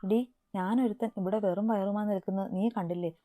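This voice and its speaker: A woman's voice: mid-range voice, fairly even intonation, fairly quick, dark tone, no echo, studio quality, close to an everyday voice. A woman voicing a playful, teasing young man in love from a romance story she reads aloud.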